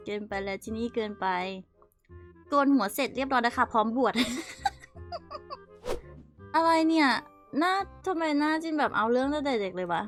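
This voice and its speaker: A young woman with a high, bright voice chats and giggles as she tells stories about old photos. She fires off quick asides with constant laughter, and faint music plays behind her. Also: expressive. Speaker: streamer. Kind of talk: casual storytelling while showing childhood photos.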